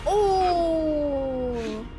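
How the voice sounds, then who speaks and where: Female game streamer: high voice, very lively swoops, playful exclamations, casual commentary. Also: extremely slow, music in the background. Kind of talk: casual excited gameplay commentary.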